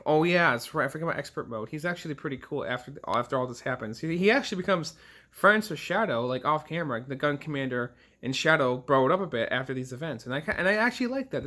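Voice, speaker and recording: A man's voice: medium pitch, bright, forceful tone. A man in his twenties ranting to camera about a game he played, rambling and emotional, swearing often. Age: 20s. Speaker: gaming vlogger. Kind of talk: casual rant to camera.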